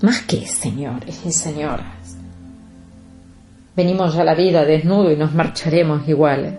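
A woman from talks in a low, mellow voice, unhurried and measured. She addresses her listeners directly as a podcast host, with faint music underneath. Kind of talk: reflective podcast talk.

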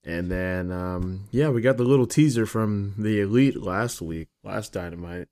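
Lowish-voiced male podcast co-host. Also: normal speed, dark tone. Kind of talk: casual wrestling podcast chat.

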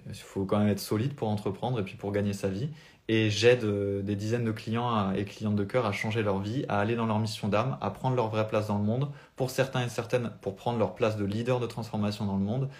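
Earnest French man, low voice. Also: steady tone, fairly quick, a little mellow. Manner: earnest, motivational, speaks without notes. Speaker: spiritual life coach. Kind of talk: casual live-stream talk.

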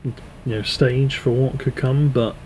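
A man's voice: mid-range voice, fairly even intonation, a little slow, a little mellow, a little hiss or hum, rough recording. A man in a casual podcast chat, joking in a dry, facetious way. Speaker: podcast co-host.

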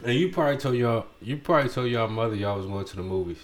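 A man's voice: mid-range voice, expressive, fast talker. Teasing man in casual banter. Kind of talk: casual chat.

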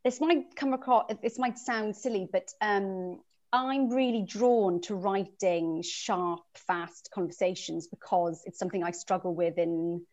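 A woman in her thirties from South Wales, a novelist with a stammer, speaking in a halting way with frequent fillers. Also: mid-range voice, darkish tone. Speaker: guest novelist. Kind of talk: casual conversation.

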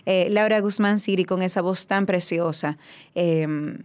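A woman's voice: lowish voice, a little slow, clear, resonant tone. A woman, an actress chatting enthusiastically as a guest in a radio interview. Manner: effusive, enthusiastic.

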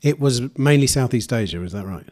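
A man's voice: mid-range voice, animated, brisk, a little mellow. A man hosting an interview podcast, asking friendly, loosely worded questions that trail off and restart. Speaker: podcast host. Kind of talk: conversational interview.

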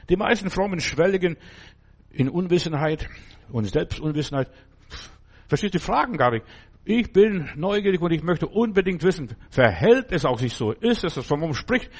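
A man's voice: a little high, husky. Older man preaching, forever asking "verstehst du?". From Germany. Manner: conversational, keeps asking "verstehst du?". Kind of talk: informal sermon.

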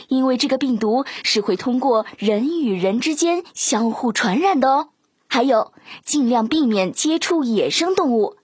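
A woman's voice: sits high, breathy edge, no echo, clean studio sound. A woman narrating a children's story in a sing-song, coaxing way.

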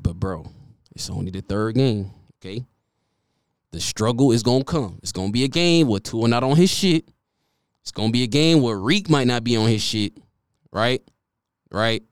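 A young man giving a casual, profane sports rant as a vlogger, swinging between loud excitement and low muttering. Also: clear, resonant tone, dry recording, studio quality.

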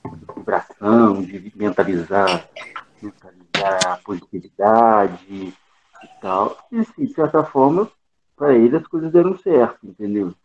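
Man, lowish husky voice, on a video call with his phone held away, tinny phone line, hesitant and repetitive. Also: measured pace, a little hiss or hum. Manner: hesitant, repeats words and restarts. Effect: talking on a video call with the phone held away, sound low and distant. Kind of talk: casual group video-call chat.

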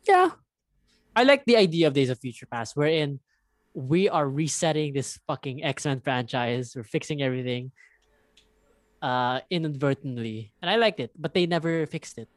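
A young man, co-hosting a casual podcast chat, rambling and animated and swearing freely. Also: a little high, normal speed, dry recording. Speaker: podcast co-host.

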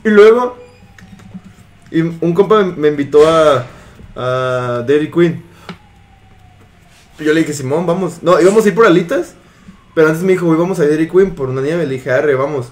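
A young Mexican man with a high voice tells a story to his friends in a loose, slangy way. He laughs often and acts out the people in his story. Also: lively intonation, moderate pace, long pauses, a little mellow. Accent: Mexican Spanish. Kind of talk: casual storytelling among friends.

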